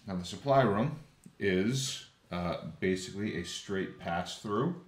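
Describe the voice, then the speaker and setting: A man's voice: low voice, unhurried, echoey room. A man casually walking through the rules of a board game step by step, thinking aloud as he lays out cards. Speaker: game designer explaining a board game. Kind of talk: casual explanation.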